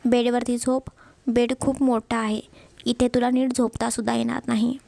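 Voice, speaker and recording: A woman's voice: a little high, level tone, moderate pace, vocal fry, warm tone, dry recording. A woman voicing a strict young husband who speaks in a firm, commanding way. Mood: stern.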